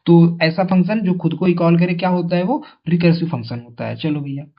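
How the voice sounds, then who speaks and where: Speaking a little fast in a voice on the high side, this tutor runs an exam prep lesson in a conversational style. He quizzes his students, echoes back their answers, and addresses viewers as "brother," with the recording sounding dull and lo-fi.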